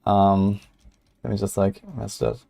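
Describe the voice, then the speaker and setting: Mellow-voiced male gaming streamer. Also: lowish voice, flat delivery, measured pace, vocal fry. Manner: rambling, filler-heavy. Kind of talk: casual livestream commentary.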